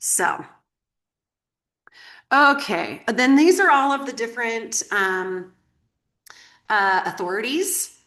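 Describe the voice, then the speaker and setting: A woman's voice: a little high, animated, slow, pauses often, a bit bright. Chatty woman teaching, echoey room. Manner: chatty, laughs often, many fillers. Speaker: workshop teacher. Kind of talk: casual group teaching. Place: room with a small group.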